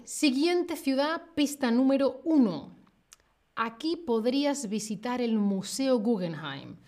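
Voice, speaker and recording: A woman from the south of Spain with a southern Spanish accent, teaching a live online Spanish lesson, speaking clearly and repeating her clues. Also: a little high, a little mellow. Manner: slow, clear, repeats clues, laughs often.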